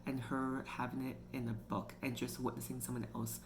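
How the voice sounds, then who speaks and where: A Canadian book review channel host speaks in a rumbling low voice with little pitch movement, at a moderate pace. She chats casually, using "like" and "you know" constantly, and noticeable background noise can be heard.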